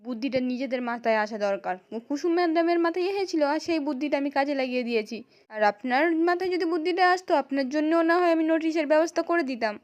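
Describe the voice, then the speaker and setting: A woman's voice: high voice, rapid-fire, darkish tone, pitched above the performer's own voice, lightly acted. Woman reading a smug sly lawyer. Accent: West Bengal. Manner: smug, lecturing.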